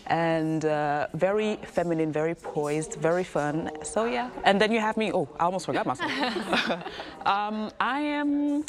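A woman's voice: lowish voice, a little slow, hardly any pauses. A young woman from Senegal, a guest talking in a friendly, chatty way with fillers. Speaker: guest, K-pop group leader and rapper. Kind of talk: casual interview chat.

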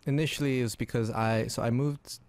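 A man's voice: medium pitch, steady tone, brisk, a little mellow, dry recording. A young man from Argentina talking in a casual interview about his film work, thoughtful and hesitant, with many fillers and restarts. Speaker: interview guest, film artist.

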